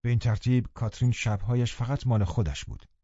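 A man narrating a novel in a calm, measured way, his voice dark and mellow. The sound is dry and close, slightly dull and muffled. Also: medium pitch, husky, no echo. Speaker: audiobook narrator. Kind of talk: scripted narration.

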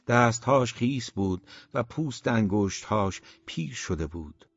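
A man narrating a novel as an audiobook in a measured, grave storytelling tone. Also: medium pitch, expressive, husky, no room sound. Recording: dull, dry recording.

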